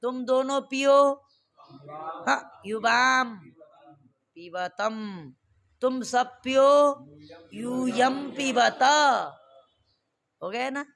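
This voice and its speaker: A man's voice: extremely high pitch, slow pace, pauses often, sharp tone. A man teaching Sanskrit grammar to a class, repeating verb forms and quizzing students with questions.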